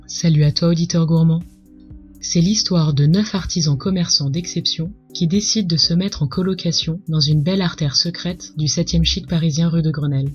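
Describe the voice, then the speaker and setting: A woman's voice: fairly low pitch, normal speed, few pauses. French woman storyteller, muffled, over music. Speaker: podcast host, culinary storyteller. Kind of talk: scripted storytelling narration.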